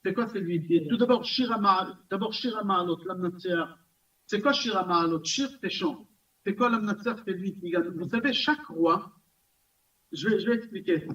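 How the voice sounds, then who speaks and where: The recording of this Torah class is dull and lo-fi, with the high-voiced rabbi sitting well back from the mic in a community center room. He speaks at a moderate pace in a lively way, repeating his points and questioning the audience.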